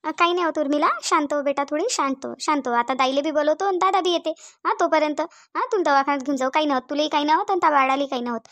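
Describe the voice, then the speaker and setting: A woman voicing a very high-pitched, nagging village mother. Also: very fast, fairly bright tone. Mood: soothing. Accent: Varhadi Marathi. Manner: repetitive, nagging, tag questions. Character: fussy middle-aged village mother, scolding then soothing.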